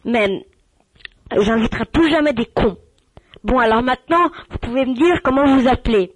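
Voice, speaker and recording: A woman hosts an improvised mock radio show, exasperated and scolding, swearing freely and tacking "hein" onto her lines. Her voice sits high and sounds close and dry. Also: normal speed, no room sound, poor audio. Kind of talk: improvised comic radio sketch.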